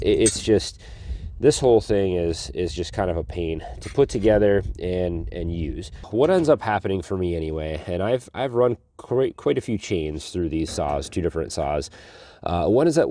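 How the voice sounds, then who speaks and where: A man's voice: low voice, mellow. A man hosting a homestead channel, explaining a tool outdoors in a casual, rambling way full of restarts and fillers. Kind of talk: casual hands-on tool demonstration. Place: outdoors on a farm.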